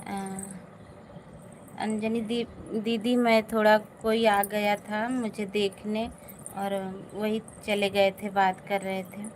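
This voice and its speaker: A woman's voice: medium pitch, flat delivery, takes it slowly, slight background noise. A woman hosting a casual live stream, reading viewers' comments aloud and answering them, still recovering from an illness.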